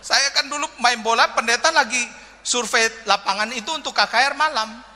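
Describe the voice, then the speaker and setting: A pastor preaches in a joking, humorous style, frequently calling "amin" out to the congregation. His voice is very high, fairly quick, bright, and forceful, echoing in a large hall.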